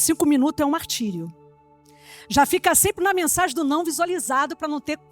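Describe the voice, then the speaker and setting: Older woman, Brazilian accent, church sermon, lively storytelling, dry close sound, soft music underneath. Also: high-pitched, dry recording. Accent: Brazilian Portuguese. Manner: lively storytelling, acting out dialogue, frequent "né?". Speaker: preacher.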